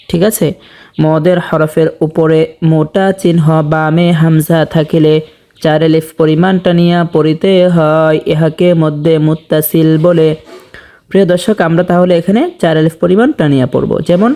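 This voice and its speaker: A man teaching Quran recitation step by step, explaining slowly and deliberately. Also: fairly high pitch, steady tone, warm tone. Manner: slow, deliberate explanation with drawn-out sample recitation.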